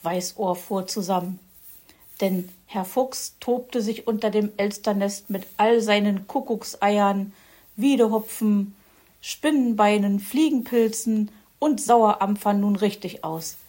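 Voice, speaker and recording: A woman reads a children's story at an unhurried pace. Her narration is calm and measured, with a mid-range voice. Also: mid-range voice.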